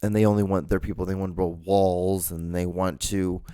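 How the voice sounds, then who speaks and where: A man from Honduras hosting a podcast, talking through a casual monologue in an emphatic, halting way, with many restarts and fillers. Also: sits low, level tone, mellow, smooth, dry recording, clean studio sound. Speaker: podcast host.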